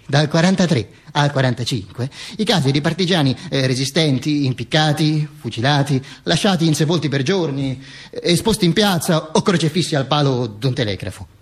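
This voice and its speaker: Here a male performer voices the corpse of a dead dictator, telling a macabre tale with bombast and sarcasm in a staged radio monologue full of halting stammers. His husky voice sits at medium pitch, and the mood is cold and contemptuous.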